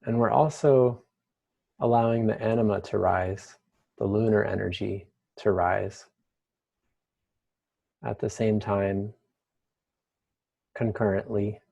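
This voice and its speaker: A man leading a guided meditation with the slow, hushed delivery of a mystical healer. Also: lowish voice, steady tone, gravelly, dull audio.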